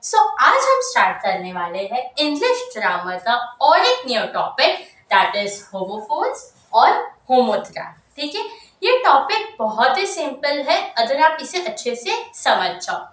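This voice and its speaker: Lively woman teaching English grammar. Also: high-pitched, slow. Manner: lively, chatty, full of asides and repeated checks. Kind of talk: exam-focused grammar lesson. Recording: roomy, mic set at a distance.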